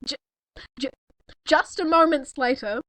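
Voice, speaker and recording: This teenage girl has a high, slightly bright voice and an unhurried pace, recorded with no room sound. Co-hosting a fanfiction reading, she giggles and rambles through casual chat, tossing in sarcastic asides as she reads the story aloud and mocks it.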